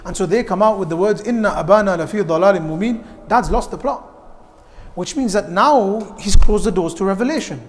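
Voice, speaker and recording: A man gives a lively, direct youth talk in a mosque, putting questions straight to his listeners. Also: sits high, brisk. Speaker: youth programme speaker. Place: mosque hall. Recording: long hall reverb.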